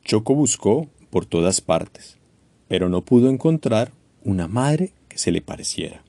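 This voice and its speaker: Animated man reading a kids' story. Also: a little slow, dry recording. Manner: expressive, very animated pitch. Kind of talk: children's story read-aloud.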